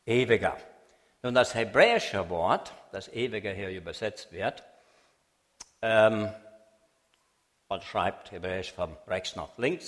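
A man giving a lively Bible lecture to an audience, teasing listeners and often checking in with a quick "ja?". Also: fairly low pitch. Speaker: Bible teacher speaking to an audience. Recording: long hall reverb.

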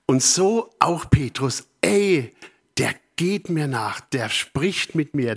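Man, preacher, sermon, husky, slow, emphatic then whispered. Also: on the high side. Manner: shifts from emphatic to hushed, whispered asides.

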